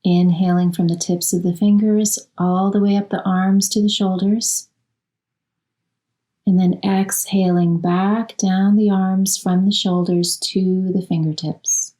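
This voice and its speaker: A woman leading a guided yoga nidra relaxation, speaking in a slow, soothing and gently instructive way. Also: medium pitch, flat delivery, low-quality recording. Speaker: meditation guide.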